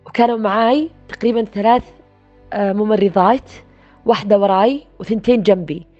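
A woman recounting a personal experience in a soft, reflective way, with pauses and restarts. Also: mid-range voice. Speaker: guest telling her story. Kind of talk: personal storytelling. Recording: dull lo-fi sound with faint music.

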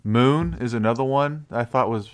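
A man's voice: mid-range voice, normal speed. A man co-hosting a podcast, talking about films in an easygoing, enthusiastic, joking way. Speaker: podcast co-host. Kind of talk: casual movie review chat.

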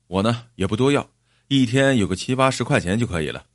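A man's voice: mid-range voice, animated, fast, no room sound, clean studio sound, close to an everyday voice. A man voicing a short-tempered office worker who speaks in an indignant, demanding way. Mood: eager.

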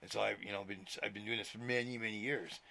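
Man, 60, minister-podcaster; bright voice, meandering chatty monologue recorded at home on a laptop. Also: on the low side, fairly even intonation, quick pace, gravelly. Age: 60s. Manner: chatty, meandering, swears casually, laughs often. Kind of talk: casual rambling monologue. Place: indoors at home, TV on.

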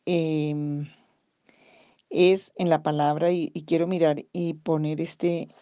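Low-voiced woman teaching the Bible. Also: little pitch movement, dark tone, no room sound, highs cut off. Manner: slow and deliberate, reads scripture aloud with pauses and hesitations. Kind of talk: recorded devotional Bible teaching.

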